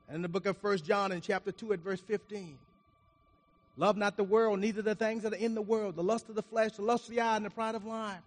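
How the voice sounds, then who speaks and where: A man's voice: high-pitched, steady tone, brisk. A man preaching a sermon, reading scripture aloud and explaining it, his volume rising and falling for emphasis. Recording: reverberant hall.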